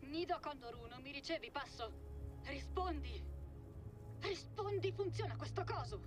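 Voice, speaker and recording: A woman's voice: high voice, expressive, moderate pace, music in the background. An actress voicing a female radio operator calling urgently over a walkie-talkie in a dubbed video game. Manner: urgent, repeated radio call. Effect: heard over a walkie-talkie radio.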